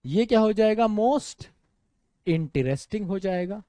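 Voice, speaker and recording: A lively Indian English-accented male teacher explaining grammar to exam students, his voice leaping high and low as he talks. His tone is mellow and warm rather than sharp. The sound is dry and close, with no room echo. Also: a little slow. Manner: animated, addresses students as friends and brother, mixes English into speech. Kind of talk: exam-prep grammar lecture.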